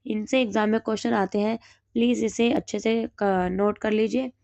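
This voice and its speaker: A woman with a hoarse throat, teaching exam notes and asking and then answering her own quick questions. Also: mid-range voice, steady tone, darkish tone, dry recording. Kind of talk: reading through study notes.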